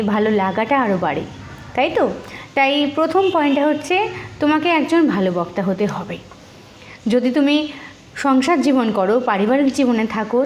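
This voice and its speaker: A woman's voice: fairly high pitch, slight background noise. A woman making a motivational video, counting off tips and asking the listener to agree. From Bengal. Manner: instructive, counts off points, asks "right?". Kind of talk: motivational talk to camera.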